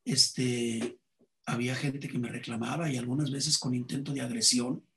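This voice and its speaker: A man's voice: medium pitch, steady tone, normal speed, background noise. A man with a Mexican accent, a comedian telling anecdotes in an interview and acting out the dialogue. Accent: Mexican Spanish. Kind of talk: interview conversation, storytelling.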